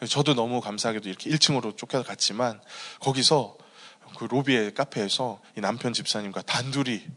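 A man's voice: on the low side, bright, forceful tone, big-room sound. A male pastor preaching a sermon and telling a personal story in an earnest way. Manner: earnest storytelling, many fillers.

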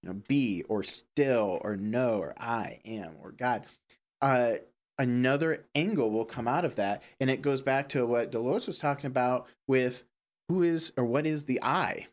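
A man's voice: mid-range voice, measured pace. A man hosting a spiritual discussion, explaining ideas earnestly and leaning on "you know".

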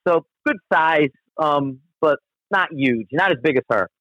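A man's voice: a little high, expressive, measured pace, no room sound. A man telling a long outdoor story in casual conversation, rambling and profane, with frequent restarts. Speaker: guest storyteller. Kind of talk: casual spoken anecdote. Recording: dull, dry lo-fi recording.

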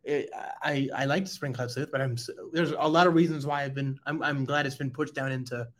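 Male host, excitable, stumbling, casual chat. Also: mid-range voice, brisk. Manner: excitable, stumbling restarts and laughs. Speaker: podcast host.

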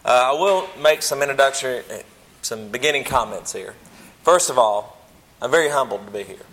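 A man's voice: mid-range voice, animated, a little fast, a bit bright. A man preaching a Bible lesson to a church group in a folksy, plain-spoken, humble way, often rephrasing as he goes. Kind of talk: sermon, teaching a church group.

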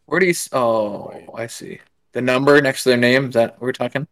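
A man's voice: mid-range voice, fairly quick. A man in a casual podcast chat who laughs often and swears in easygoing banter.

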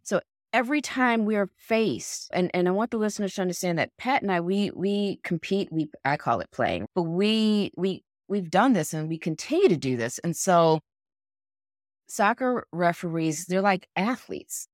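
A woman in her forties, co-hosting a podcast and telling a story in a frank, animated way, acting out what others said. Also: on the low side, normal speed, no echo, studio quality. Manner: animated, acts out other people's words; frank, swears casually. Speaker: podcast co-host. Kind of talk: casual storytelling.

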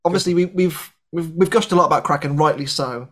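A man's voice: on the high side, fairly quick, crowd noise. A man hosting a podcast, chatty and gushing, putting questions to his guests. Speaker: podcast host. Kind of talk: casual podcast chat.

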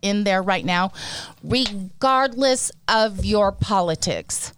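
Slow, earnest woman sharing from the heart. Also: medium pitch, fairly bright tone, a little hiss or hum. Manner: earnest, emotional, emphatic. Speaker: podcast co-host. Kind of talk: heartfelt casual podcast talk.

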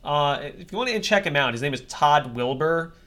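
A man's voice: fairly high pitch, expressive, normal speed, a bit bright. A man co-hosting a podcast in casual, rambling, wry chat, swearing freely. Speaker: podcast co-host.

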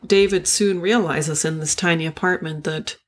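A woman who grew up in Germany, co-hosting a casual book discussion in a soft-spoken, thoughtful way. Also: on the low side, steady tone, moderate pace. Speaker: podcast co-host.

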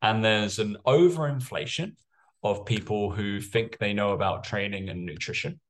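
A man who trains and coaches clients talks openly in a podcast chat, often circling back on himself. His voice sits fairly low and he swears without a second thought. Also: normal speed. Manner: candid and rambling, swears often. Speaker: personal trainer and course creator. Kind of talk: casual podcast conversation.

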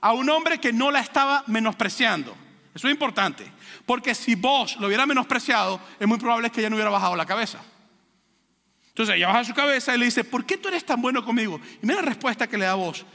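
A man from Venezuela preaches with a high, bright voice that carries. He is animated and jokes with the congregation. The sound rings with the long reverb of a church hall. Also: quick pace, vocal fry. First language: Spanish. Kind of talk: sermon.

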